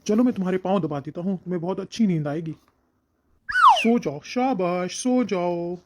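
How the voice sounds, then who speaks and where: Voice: mid-range voice, moderate pace, background noise, lightly acted. A performer playing a scheming male devil who chuckles and coaxes a child in a moral short film. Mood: hushed coaxing. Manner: gleeful, chuckling, coaxing.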